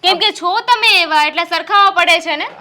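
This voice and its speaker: A young woman acting as a wife fed up with her mother-in-law, complaining in a heated, rapid rush. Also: very high-pitched, sharp tone. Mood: sarcastic. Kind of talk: Gujarati short film acting.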